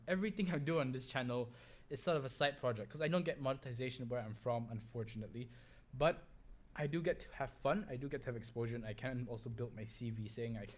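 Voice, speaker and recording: A young man hosting a solo podcast, rambling with fillers and restarts as he talks. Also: medium pitch. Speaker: podcast host.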